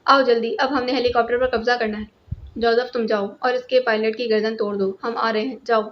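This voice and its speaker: A woman's voice: fairly high pitch, fairly even intonation, a little hiss or hum, close to an everyday voice. A woman voicing a stern male spy leader who barks curt orders, in a storybook reading. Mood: commanding. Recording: lo-fi, dull sound.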